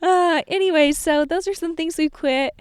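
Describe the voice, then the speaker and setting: A woman's voice: very high voice, normal speed, no room sound, clean studio sound. A woman in her twenties, co-hosting a podcast and talking in an earnest, candid, chatty way. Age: 20s. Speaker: podcast co-host. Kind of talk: casual chat.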